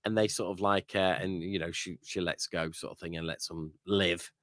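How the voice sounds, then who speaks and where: A man's voice: low-pitched, steady tone, moderate pace, fairly bright tone, no echo, studio quality. A man co-hosting a podcast, casually recapping an episode with lots of fillers and "you know what I mean" tag questions. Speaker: podcast co-host. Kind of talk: casual episode review chat.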